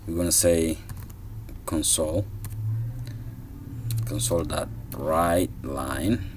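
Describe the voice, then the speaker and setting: A man in his thirties from Somalia with a bass voice gives a casual, screen-recorded coding tutorial as a programming tutor. He speaks slowly and steadily, thinking aloud with many fillers and restarts, and a little hiss or hum is audible.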